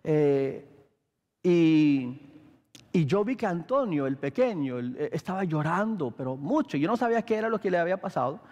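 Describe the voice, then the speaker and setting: High-voiced pastor preaching in a reverberant church. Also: male voice, very animated, normal speed, darkish tone. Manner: conversational preaching with frequent fillers and restarts. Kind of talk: sermon. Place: large church hall. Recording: echoey church hall.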